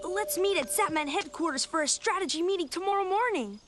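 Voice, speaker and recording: A woman's voice: very high-pitched, animated, fairly quick, music in the background. A woman voicing a curious, friendly school-age child in a children's cartoon. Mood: curious, eager.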